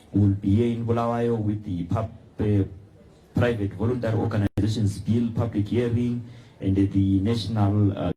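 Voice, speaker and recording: Mellow-voiced man on a panel. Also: on the low side, poor audio. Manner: earnest, admonishing, with occasional fillers. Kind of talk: panel discussion remarks.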